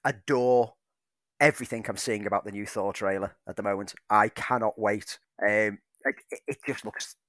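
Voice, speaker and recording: A man's voice: fairly low pitch, fairly even intonation, normal speed, fairly bright tone, no echo, studio quality. A man co-hosting a film podcast, reading out news items and then riffing on them with enthusiasm. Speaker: podcast co-host. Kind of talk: casual film chat.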